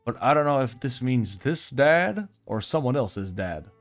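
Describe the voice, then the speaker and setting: A man's voice: mid-range voice, very animated, unhurried, faint music behind. A man playing a tabletop game, chatting casually and politely asking what words mean. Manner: polite, asks about word meanings. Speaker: player.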